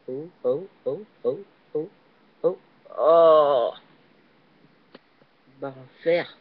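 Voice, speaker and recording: A young man casually commenting while he plays a video game, hesitant and full of fillers, with sudden excited yelps on jumps. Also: a little high, takes it slowly, husky, no room sound. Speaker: gaming channel host. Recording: dull lo-fi recording.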